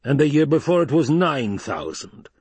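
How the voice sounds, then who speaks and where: A man's voice: medium pitch, lively intonation, normal speed, a little mellow, husky, dry recording, pitched above the performer's own voice. A man voicing a fat, scheming baron in an audiobook, pompous, blustering and petulant. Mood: blustering, scornful. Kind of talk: dramatized audiobook reading.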